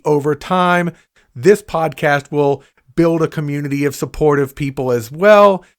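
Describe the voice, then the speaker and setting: A man's voice: mid-range voice, no room sound. Earnest male podcast host, dry sound. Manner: earnest, pleading when giving the hotline. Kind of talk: interview and scripted announcements.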